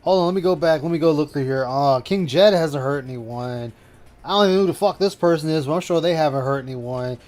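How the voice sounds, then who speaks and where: A man's voice: on the high side, fast talker, a little mellow. A man hosting a casual stream chat, talking loosely and swearing as he laughs. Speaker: stream host.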